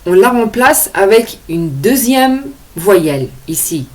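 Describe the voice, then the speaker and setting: A woman teaching Arabic letters slowly, sounding out each vowel and explaining in French. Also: mid-range voice, animated, a little mellow. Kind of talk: slow letter-by-letter pronunciation lesson.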